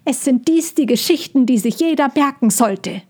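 A hissing, scolding male bird from a storybook, stern and territorial, guarding his patch with a high, sharp voice, as a woman puts him on. His lines come out strained and raised well above a plain speaking voice. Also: lively intonation, moderate pace. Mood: hostile.

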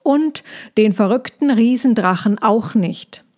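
A woman's voice: on the high side, animated, takes it slowly, a little mellow. A woman voicing an anxious, fussy male hedgehog in a storybook reading, talking in a fretful, scolding way. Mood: exasperated.

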